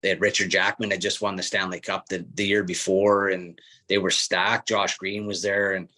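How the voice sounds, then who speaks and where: A man, a former hockey player and coach, chatting casually on a podcast and telling stories with relaxed restarts. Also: low voice, normal speed. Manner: relaxed storytelling with frequent restarts.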